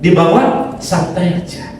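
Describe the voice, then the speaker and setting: A man's voice: high-pitched, expressive, unhurried, darkish tone, slight background noise. A middle-aged man preaching a sermon as pastor, in a joking, conversational way. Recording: echoey hall, distant mic.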